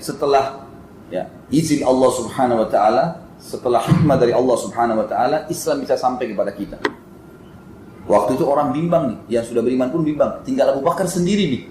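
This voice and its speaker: A man's voice: medium pitch, a little mellow, a little hiss or hum. A male preacher giving a sermon in a mosque, telling a story vividly and acting out the quotes. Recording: echoey mosque hall with faint ambience.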